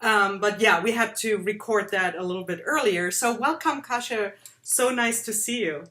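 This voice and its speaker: Upbeat giggly woman hosting an interview, bright tense voice, says um a lot. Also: medium pitch, moderate pace. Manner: bubbly, giggly, lots of fillers. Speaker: interview host. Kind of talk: casual interview chat.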